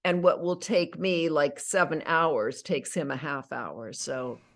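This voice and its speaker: A middle-aged actress who also narrates audiobooks gives a casual, animated interview, full of filler words and self-corrections. She has a low-pitched voice and takes her time speaking.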